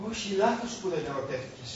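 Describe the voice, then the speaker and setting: High-voiced man on an echoey old film track. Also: slight background noise. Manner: fast, excitable, boastful talk on the phone. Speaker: struggling actor calling his mother. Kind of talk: old Greek film acting. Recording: old film soundtrack, echoey and dull, from far off.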